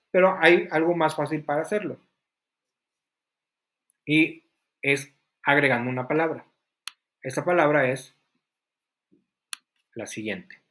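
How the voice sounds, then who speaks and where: A man's voice: a little high, fairly bright tone. A man teaching a class, explaining points step by step and asking students questions. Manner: explanatory, asks the class questions, frequent fillers. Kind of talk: classroom lesson.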